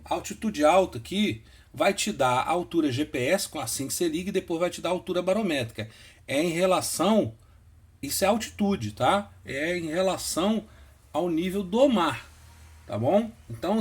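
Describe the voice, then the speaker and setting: A man's voice: on the high side, lively intonation, normal speed. A man giving a casual screen-share tutorial, patient and repetitive, often checking in with the listener. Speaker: instructor explaining flight instruments.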